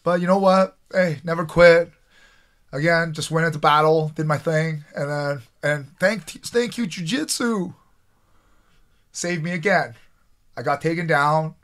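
A man in his forties from Taiwan, telling his own stories as a guest in a casual interview, animated and quoting himself. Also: on the high side, a little slow. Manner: animated, restarts often, quotes himself. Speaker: guest, former fighter.

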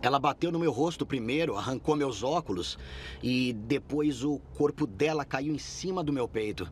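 A man with a Brazilian accent voicing an earnest sheriff's deputy in his thirties, in measured documentary interview narration. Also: medium pitch, a little hiss or hum, natural voice. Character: earnest male sheriff's deputy recounting a rescue.

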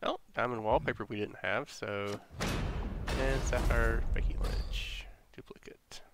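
A man's voice: mid-range voice, unhurried, heavy background noise. A man giving casual, off-the-cuff gaming commentary in a resigned, muttering way, often repeating himself. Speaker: gaming YouTuber opening card packs.

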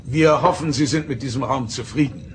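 An actor playing a courteous, diplomatic starship captain in a sci-fi audio drama, polite and measured. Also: male voice, mid-range voice, a little hiss or hum, close to an everyday voice.

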